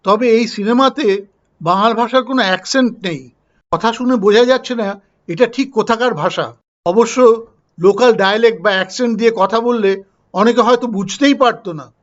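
Very high-voiced older man reviewing films. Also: normal speed, highs cut off. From India. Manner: chatty, anecdotal storytelling. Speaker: film reviewer. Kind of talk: casual film review vlog.

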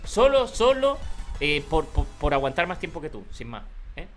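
Young Canarian male streamer, bright, animated delivery, faint game music underneath. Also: a little high, brisk. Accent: Canary Islands Spanish. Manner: animated, swings from calm mutters to loud shouting. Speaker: gaming streamer. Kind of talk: excited live gameplay commentary.

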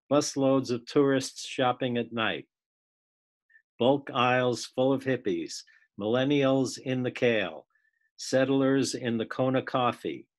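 A man taking part in a class on a video call, reading a poem aloud and then discussing it in a casual, halting way. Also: medium pitch. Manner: unhurried, restarts words, laughs while reading.

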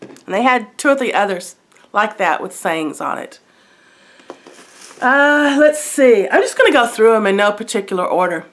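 A middle-aged woman, a haul vlogger, chats casually to a nearby camera in her living room by a brick fireplace, her voice stuffed up from a head cold. It's a show-and-tell ramble, friendly and unhurried, full of ums and little asides, with medium pitch and lively intonation.

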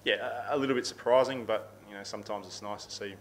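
Australian man, low flat voice, press conference table mic, faint hiss. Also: fast talker, poor audio. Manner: steady, repeats words while thinking, fillers. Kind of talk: post-match press answers. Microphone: table microphone.

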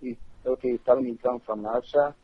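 Phone prank target: a man, husky voice, clipped broken English, heavy swearing, muffled phone sound. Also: mid-range voice, steady tone, fast, no echo. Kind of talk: phone call. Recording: dull phone line.

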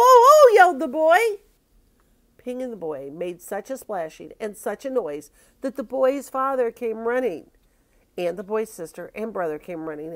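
An older woman, a grandmother, reading a picture book aloud with expressive, drawn-out storytelling. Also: mid-range voice.

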